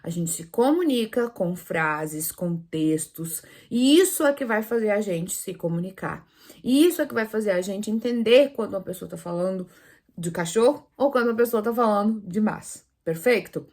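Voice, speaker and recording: A woman teaching Spanish pronunciation in Portuguese, lively, asking viewers questions and demonstrating sounds aloud. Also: mid-range voice, moderate pace. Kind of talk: online language lesson.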